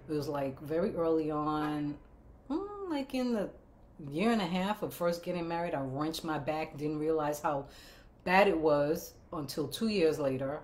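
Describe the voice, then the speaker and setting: A woman's voice: deep voice, a little hiss or hum. A woman in her fifties hosting a casual livestream chat, playful and emphatic, cheering viewers on with repeated phrases. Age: 50s. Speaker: livestream show host.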